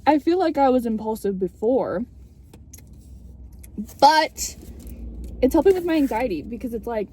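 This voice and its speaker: A woman's voice: a little high, animated, a little slow, pauses often, warm tone. A young woman in a casual car vlog, talking candidly and a little theatrically with plenty of swearing. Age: young adult. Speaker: vlogger. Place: inside a car. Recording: background noise inside a car.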